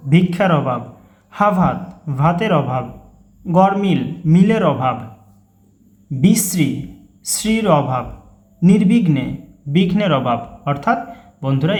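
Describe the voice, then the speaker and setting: Echoey young male grammar tutor. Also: sits high. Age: young adult. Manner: calls out each example word, then its meaning, in a steady teaching rhythm. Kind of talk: online grammar lesson. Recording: echoey room.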